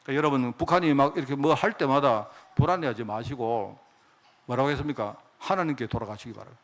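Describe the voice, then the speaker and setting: A man preaching a sermon as pastor, talking in a lively conversational way with many rhetorical questions to the congregation and acting out quoted speech. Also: mid-range voice, fast. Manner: acts out God's and others' speech in quoted lines.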